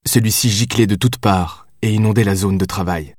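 Male audiobook narrator, low voice, measured and steady, in a dry close room. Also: no room sound.

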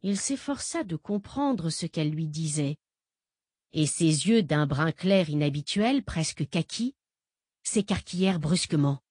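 Low-voiced woman narrating a thriller. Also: expressive, measured pace, darkish tone, slightly rough, no room sound, studio quality. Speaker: audiobook narrator. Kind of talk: scripted narration.

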